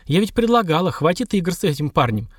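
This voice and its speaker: Man voicing a wry young woman agent, raised pitch, sardonic, audiobook. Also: sing-song, a little fast, no room sound. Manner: dry, sardonic, matter-of-fact.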